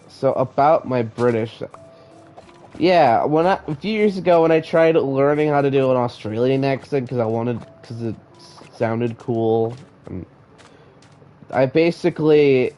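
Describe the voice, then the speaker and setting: Slow, mellow sick streamer guy. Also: mid-range voice. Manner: stammering, repeats words while talking to chat. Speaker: live-streamer playing a block-building game. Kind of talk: casual live-stream commentary.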